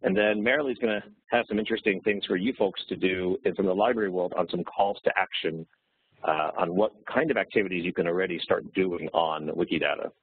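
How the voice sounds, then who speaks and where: A man's voice: low-pitched, animated, brisk, vocal fry, slightly rough, no echo. A man speaking on a phone to present a webinar, explaining steadily with fillers. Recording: dry, tinny phone line.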